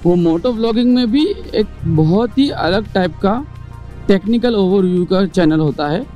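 Soft music plays beneath a young motovlogger whose mellow voice sits high and moves at a moderate pace. Talking casually to the camera, he goes through numbered points, slips in English words, and keeps asking rhetorical questions.

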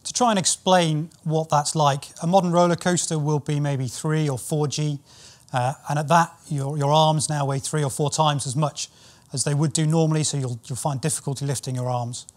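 A British man in his thirties giving an explainer presentation in a measured, explanatory way. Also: a little high, steady tone. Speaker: company training specialist and former military pilot.

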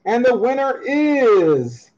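Male livestream auction host, unhurried casual chat, chatty and upbeat, dull webcam sound. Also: very high voice, sing-song, darkish tone. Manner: upbeat, reads chat comments aloud and laughs often. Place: indoor room at a table with coins, voice off camera. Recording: slightly dull lo-fi webcam audio.

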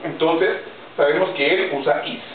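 A man teaching English grammar in Spanish, slow and deliberate, spelling out each example word by word. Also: on the high side, fairly even intonation. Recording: roomy, distant, phone-like audio with faint noise.

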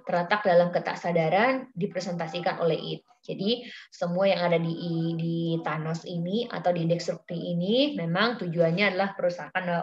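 A middle-aged woman giving an informal psychology lecture, chatty and full of fillers, acting out quoted exchanges. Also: lowish voice. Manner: chatty, many fillers, acts out quoted dialogue. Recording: slightly dull lo-fi audio.

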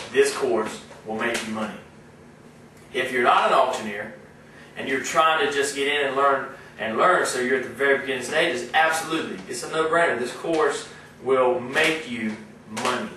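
A man in his thirties giving a plain spoken promotional pitch to camera as an instructor. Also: normal speed. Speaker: auctioneer instructor, presenter. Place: indoor room at home. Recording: very echoey room, distant, faint noise.

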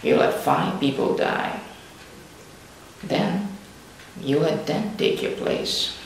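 A man acting as a taunting, theatrical, deranged clown criminal in a crime drama, drawing out words erratically. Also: a little high. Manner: drawn-out, taunting, erratic, breathy drops to near-whisper. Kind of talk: dramatic villain monologue in interrogation. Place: small dim bare room, seated. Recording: very echoey, distant, noisy fake old tape.

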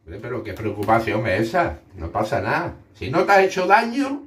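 This is a man chatting in his home kitchen, spinning a long joke and chuckling at his own punchlines. His voice sits at a middling pitch and sounds a bit distant from the microphone. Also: normal speed, roomy sound. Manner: animated storyteller, laughing at his own punchlines. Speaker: co-host of a home cooking channel. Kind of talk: telling a joke, casual kitchen chat.

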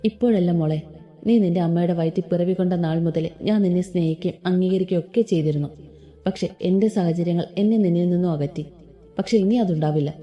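A woman voicing a loving, remorseful middle-aged father in a Malayalam audio story, speaking gently and tenderly. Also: on the low side, brisk, lightly acted. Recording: slightly dull with soft background music.

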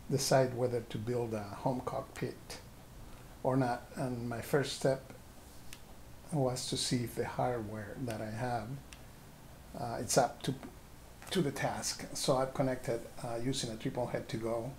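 A man's voice: mid-range voice, slight background noise, poor audio. Guy vlogging his home sim setup, kinda hesitant, lots of uhs, camera mic in a room at home. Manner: relaxed, hesitant, many "uh"s and restarts. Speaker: flight sim hobbyist vlogger. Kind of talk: casual explanatory vlog.

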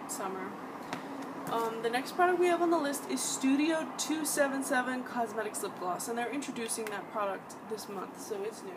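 A young woman chats eagerly about makeup on a webcam, filling her talk with ums and restarts. Her voice sits a little high and comes from a short distance away. Steady loud noise hums behind her. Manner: chatty, enthusiastic, frequent ums and restarts. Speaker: beauty vlogger. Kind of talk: product review vlog. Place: bedroom. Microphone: webcam at desk distance.

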